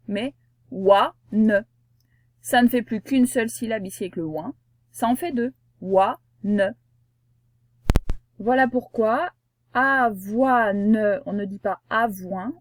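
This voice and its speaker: A fairly high woman's voice, recorded close and dry in a quiet room. She is a patient schoolteacher walking young children through a reading lesson, slowly spelling out letters and sounds. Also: dry recording. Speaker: primary school teacher.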